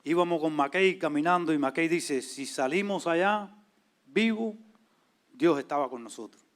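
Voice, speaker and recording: A man, telling his testimony in a lively way and acting out the voices of people in his story. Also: fairly high pitch, moderate pace. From Cuba. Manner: animated, acts out quoted voices. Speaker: church servant leader, guest.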